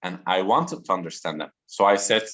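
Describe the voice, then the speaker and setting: A man in his thirties from Turkey, a native Turkish speaker giving an online talk to students slowly and deliberately over a video call. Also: sits low, expressive, a bit bright. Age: 30s. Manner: slow, deliberate and interactive.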